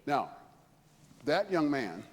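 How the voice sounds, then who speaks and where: A man's voice: on the high side, very animated, slow. A man in his seventies, a guest speaker telling rambling, chuckling anecdotes with frequent asides in a church hall. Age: 70s. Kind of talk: anecdotal storytelling talk. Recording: long hall reverb, faint background noise.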